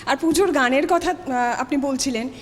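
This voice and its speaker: Female host, high bright voice, friendly prompts, roomy reverb with faint hum. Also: moderate pace. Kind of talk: hosting a festive talk show. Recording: reverberant studio with faint ambience.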